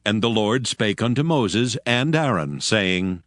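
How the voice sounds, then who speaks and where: A man's voice: lowish voice, expressive, unhurried, fairly bright tone, no room sound, studio quality. A man narrating dramatized scripture from a script in a solemn, formal manner.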